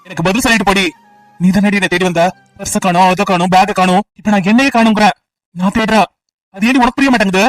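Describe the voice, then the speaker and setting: A man's voice: high voice, fast, a bit bright, dry recording, distant mic, faint music behind, low-quality recording. A man voicing a possessive young policeman in a cartoon story, pressing and confrontational. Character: intense young policeman Vijay, possessive and hot-tempered.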